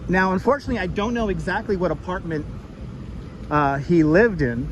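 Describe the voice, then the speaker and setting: A man with a high-pitched voice works as a tour guide on a livestream, projecting as he points out sights to his viewers. He is recorded outdoors on city streets, with clear traffic and urban noise behind him. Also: fairly quick, rough recording. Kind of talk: live walking tour commentary to online viewers. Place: outdoors on busy city streets and park edge.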